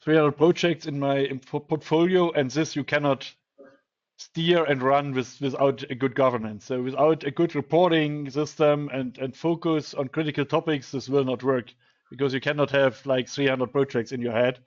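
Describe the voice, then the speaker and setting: A man's voice: medium pitch, moderate pace. Man explaining his work. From Germany. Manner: steady, explanatory, with small restarts. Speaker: guest speaker, project management director. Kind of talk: answering interview questions. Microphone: video call. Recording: dull, lo-fi video call audio.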